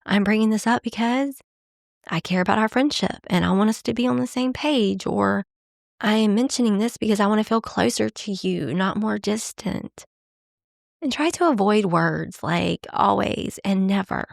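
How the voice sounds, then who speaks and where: A woman hosting a podcast, giving relaxed, conversational advice and acting out short example lines. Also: mid-range voice, moderate pace, vocal fry, no room sound, studio quality. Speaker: podcast host. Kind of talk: casual advice talk.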